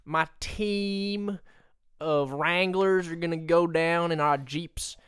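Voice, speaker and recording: Man putting on a gruff southern gator wrangler. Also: fairly high pitch, steady tone, takes it slowly, fairly bright tone, dry recording, studio quality. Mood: threatening.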